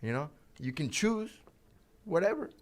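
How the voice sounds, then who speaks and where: A man's voice: on the high side, big pitch swings, measured pace. A man, a boxer guest in a casual interview, talking animatedly with frequent laughter and slipping into Spanish phrases.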